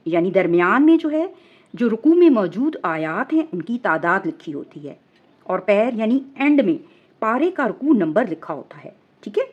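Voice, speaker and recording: Lively woman teaching Quran recitation. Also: medium pitch. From Pakistan. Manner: patient explaining, asks "ٹھیک ہے؟" often; recites verses slowly and drawn out. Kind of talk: recorded lesson on Quran stop marks. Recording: muffled lo-fi recording.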